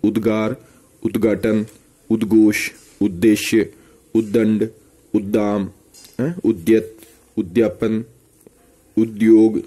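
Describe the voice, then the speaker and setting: A man teaching a grammar lesson for exam preparation, breaking each example word into parts and repeating it slowly with tag questions. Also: on the low side, level tone, dark tone.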